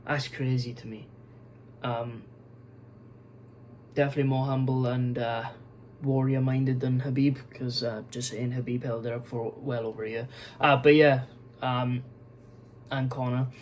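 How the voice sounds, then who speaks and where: A man's voice: medium pitch, level tone, a little slow, long pauses, darkish tone, a little hiss or hum, low-quality recording. A young man talking casually as an MMA video host, rambling with many fillers, restarts and frequent swearing, tired and yawning. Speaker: MMA YouTuber. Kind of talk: casual news commentary vlog.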